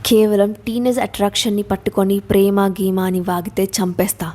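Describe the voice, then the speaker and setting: A cruel, vengeful man from an audio story, who speaks in cold threats and taunts, voiced by a woman reading the tale. His voice stays mellow and dark rather than loud, which makes the menace feel calm and deliberate. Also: medium pitch, lightly acted. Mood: menacing.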